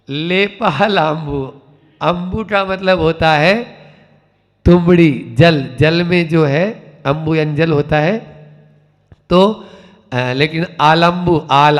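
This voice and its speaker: Slow creaky-voiced monk preaching. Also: male voice, fairly high pitch, long reverb tail. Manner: slow, repetitive teaching with rising emphatic refrains. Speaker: Jain monk. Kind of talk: sermon.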